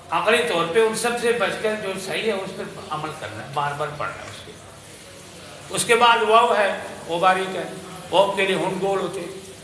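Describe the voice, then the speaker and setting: In a roomy classroom recording with a faint hiss or hum, a man with a high, sharp voice teaches a class Quran recitation. He explains patiently and methodically, chanting each phrase as a model.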